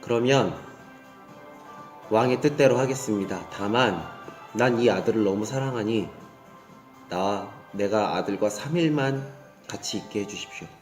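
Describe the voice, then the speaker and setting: A man's voice: fairly low pitch, unhurried, long pauses, lightly acted. Deferential father pleading with a king, a male preacher voicing him; room echo, faint music. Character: cautious, pleading father before a king, man.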